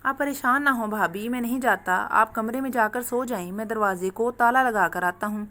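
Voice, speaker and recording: A woman voicing a soft-spoken teenage boy. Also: fairly high pitch, normal speed. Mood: calm. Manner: calm, matter-of-fact. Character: eighteen-year-old brother-in-law, soft-spoken and reassuring.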